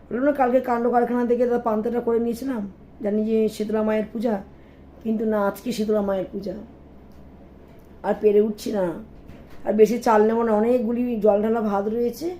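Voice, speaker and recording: Hoarse middle-aged woman. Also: a little high, level tone, fairly quick, warm tone. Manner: chatty, complaining, addresses viewers directly. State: hoarse sore throat. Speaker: vlogger. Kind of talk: casual home vlog chat. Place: home, indoors.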